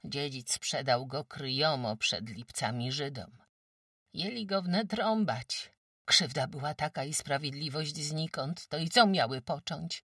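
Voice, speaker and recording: A woman's voice: low-pitched, a little slow, fairly bright tone, breathy edge, no echo, studio quality, recorded from a distance, voice pushed up, heavily acted. A woman voicing a careworn peasant farm wife who talks emphatically in rustic speech, lamenting her troubles. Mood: telling woes. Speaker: farm housewife.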